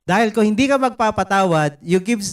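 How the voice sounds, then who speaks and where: A man preaching a sermon in an animated way, mixing in English words and putting questions to the congregation. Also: high voice, a little fast. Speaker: pastor. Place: church service.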